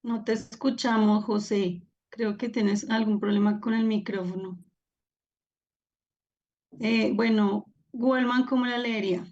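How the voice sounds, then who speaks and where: A woman's voice: medium pitch, steady tone, measured pace, darkish tone, highs cut off. A woman teaching a live online class, encouraging and upbeat as she calls on students by name over a video call. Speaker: Biblical Greek teacher.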